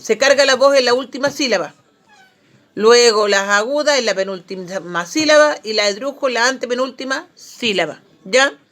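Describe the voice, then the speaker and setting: A Chilean woman who teaches primary school, giving a recorded grammar lesson. She explains step by step, often checks in with her pupils, and encourages them. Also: on the high side. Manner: warm and encouraging toward pupils.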